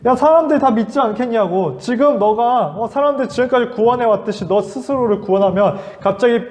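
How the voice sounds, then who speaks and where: A man voicing a pushy, scornful male Satan who keeps goading with rapid challenges. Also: high voice, darkish tone, long reverb tail, natural voice.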